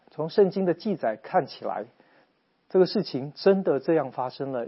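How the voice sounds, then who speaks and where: A man giving an earnest, measured Bible teaching talk with rhetorical questions, on a slightly dull, lo-fi recording. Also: fairly high pitch, husky. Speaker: preacher.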